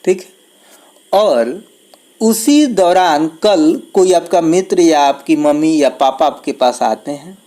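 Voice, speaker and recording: A man teaching English grammar for exam preparation, explaining step by step and addressing his viewers as friends, reading English sentences slowly before explaining them. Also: a little high, animated, dark tone. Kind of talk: exam-prep grammar lesson.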